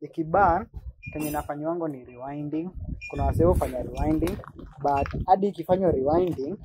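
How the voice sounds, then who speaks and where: In a very noisy recording, a content creator and machine seller with a Kenyan accent talks fast in a fairly high voice. He keeps it casual and slangy, switching languages while demonstrating products.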